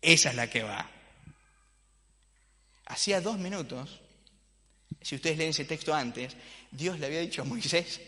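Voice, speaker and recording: A man's voice: fairly high pitch, a little slow, long pauses. A man with a Rioplatense accent preaching a sermon as pastor, asking the congregation questions and joking with them. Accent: Rioplatense Spanish. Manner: lively preacher, rhetorical questions to the congregation, playful humor. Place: church hall. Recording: church hall with long reverb.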